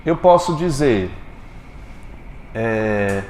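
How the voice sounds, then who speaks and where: A man's voice: fairly low pitch, animated, darkish tone. A man teaches a class, firing short questions at his students and answering them himself. The room rings with echo and a long reverb tail, and a faint hum of ambience sits behind him. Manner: quizzing students with rapid questions. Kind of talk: classroom Portuguese lesson.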